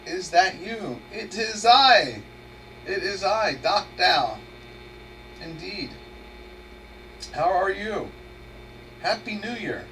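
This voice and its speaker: A high-pitched male trader, sick with a head cold, runs a live webinar, speaking slowly and pausing often. He thinks aloud in loose, rambling market commentary, restarting sentences as he goes. A steady electrical hum sits under the distant mic.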